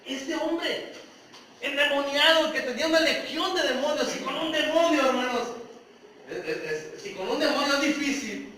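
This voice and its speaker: A man's voice: very high voice, normal speed, bright, forceful tone, a little hiss or hum. A man preaching a sermon in church, earnestly asking his congregation questions. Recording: echoey church hall, mic far off.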